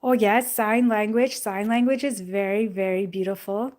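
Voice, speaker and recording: Her voice is medium in pitch, steady, darkish and moderately paced as this young Jamaican woman hosts a laid-back phone stream. Reading comments aloud, she meanders and keeps using "like" and "you know," holding the phone in her hand.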